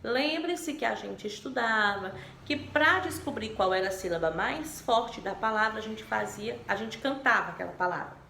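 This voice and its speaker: Patient woman teacher, gravelly voice. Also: medium pitch, animated, bright, forceful tone, reverberant, slight background noise. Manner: slow, patient, coaxing questions to children. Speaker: primary school teacher. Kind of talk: remote class lesson explanation.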